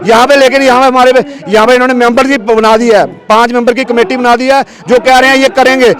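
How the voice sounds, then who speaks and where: A man's voice: extremely high pitch, fairly even intonation, fast talker, a bit bright. A man from Jammu and Kashmir, a contract worker at a street protest, pleading about his unpaid hardship. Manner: aggrieved, pleading.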